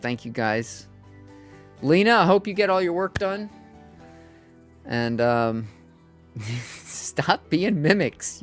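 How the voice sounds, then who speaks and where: A streamer chatting casually on a livestream, rambling and laughing often with the viewers. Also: medium pitch.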